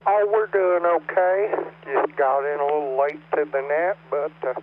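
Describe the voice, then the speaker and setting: A man's voice: on the high side, fairly even intonation, normal speed, narrow, tinny audio. A man checking in on an amateur radio net, talking in an easygoing way, heard over a two-way radio with faint static. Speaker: ham radio operator checking in.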